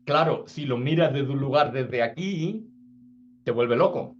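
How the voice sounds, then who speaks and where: A man's voice: medium pitch, expressive, measured pace. A man giving an informal spiritual talk, casual, often checking whether the listener follows. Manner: casual, asks "does it make sense?" often. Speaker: spiritual teacher. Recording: slightly dull sound, faint music.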